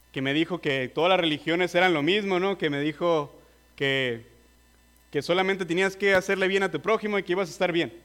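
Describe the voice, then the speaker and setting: High-voiced earnest preacher man. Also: a bit bright. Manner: earnest, urging listeners directly. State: nervous, admits trembling. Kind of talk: sermon.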